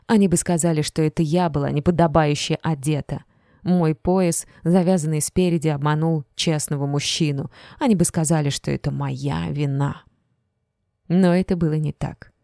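A woman reading a first-person audiobook in a measured, even way. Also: sits low, dry recording, clean studio sound. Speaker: audiobook narrator.

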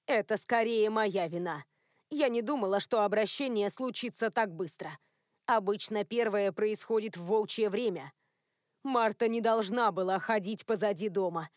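A woman voicing a prim, controlling elderly woman who is a werewolf grandmother, lecturing in a cold, even tone. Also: medium pitch, normal speed, no echo, studio quality, close to an everyday voice. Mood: stern.

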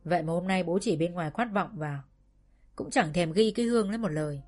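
A woman reading a first-person story in an even storytelling manner. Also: lowish voice, quick pace, soft background music.

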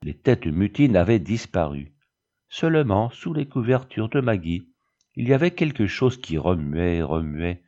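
Low-voiced man reading a tale. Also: big pitch swings, unhurried, dark tone, highs cut off. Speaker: narrator. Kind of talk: storybook reading.

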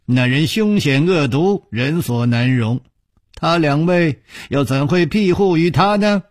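A man voicing a stern, commanding young leader of a beggars' sect who speaks in measured, weighty phrases. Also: on the high side, animated, no room sound, studio quality, pitched above the performer's own voice.

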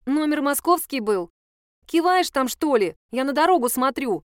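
A woman's voice: high voice, animated, moderate pace, no echo, clean studio sound, voice pushed up. A woman voicing a brash, foul-mouthed young woman who is sarcastic and bossy. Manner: crude, mocking, bossy.

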